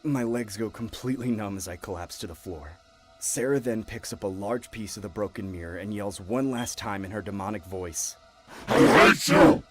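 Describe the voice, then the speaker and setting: A man with a fairly low voice tells a scripted horror story in a tense, dramatic way. Faint music plays softly under his narration. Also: moderate pace.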